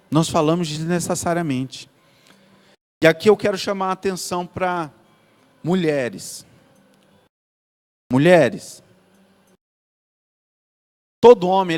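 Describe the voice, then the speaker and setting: A man's voice: high voice, in a large hall. A man with a Brazilian Portuguese accent preaching to couples in a church, telling folksy stories and acting out what spouses say to each other. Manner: folksy storytelling, acts out dialogue between spouses.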